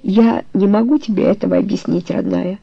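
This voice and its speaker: A woman's voice: medium pitch, fairly even intonation, a little fast, gravelly, breathy edge, no echo, highs cut off. A woman voicing a remorseful, passionate older man in a storybook reading, speaking earnestly and tenderly.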